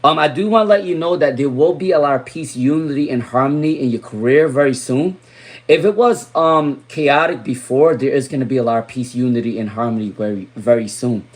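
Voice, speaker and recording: A young adult man from Rhode Island giving live tarot readings on a stream, repeating viewers' names and muttering softly while he draws cards. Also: mid-range voice, fairly quick. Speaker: tarot reader.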